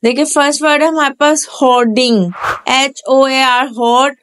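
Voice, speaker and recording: High-voiced Pakistani woman teaching slowly. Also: fairly even intonation, a bit bright, clean tone. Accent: Pakistani Urdu. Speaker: English teacher. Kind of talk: online class lesson.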